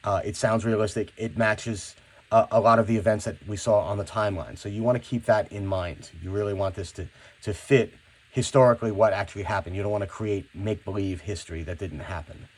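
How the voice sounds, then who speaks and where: A man's voice: on the low side, fairly even intonation, a little fast. A male teacher talking students through finishing and checking a class project, in a conversational way that often repeats words as he starts a sentence. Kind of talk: classroom instruction video.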